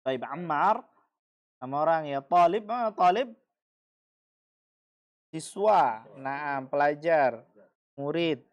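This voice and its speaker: Slow, patient male language teacher. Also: fairly high pitch, lively intonation, lo-fi sound. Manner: slow, repeats and explains each word patiently. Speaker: Arabic teacher. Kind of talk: classroom language lesson.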